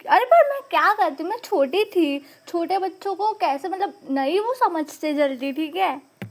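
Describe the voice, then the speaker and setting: A woman with a high voice recounts a personal story at an unhurried pace. She tells it dramatically, repeating phrases for emphasis. She slips English words into her talk. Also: animated. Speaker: vlogger.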